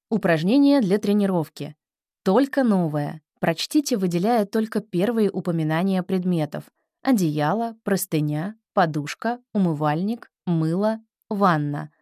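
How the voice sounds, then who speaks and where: Female teacher, scripted instruction, lowish voice, terse clipped delivery, dry close recording. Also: a little mellow, no echo. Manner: terse, clipped, dictating in short fragments. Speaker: speech and reading teacher.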